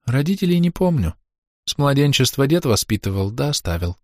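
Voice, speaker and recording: A man reading an audiobook, voicing a sly, defiant young woman who speaks softly with a teasing edge. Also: medium pitch, big pitch swings, a little fast, no echo, studio quality, pitched above the performer's own voice, close to an everyday voice. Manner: soft, teasing, quietly mocking.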